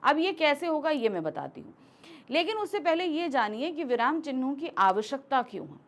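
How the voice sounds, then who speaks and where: A woman's voice: high-pitched, big pitch swings, moderate pace. A woman teacher explaining a grammar lesson step by step, acting out example sentences as she goes.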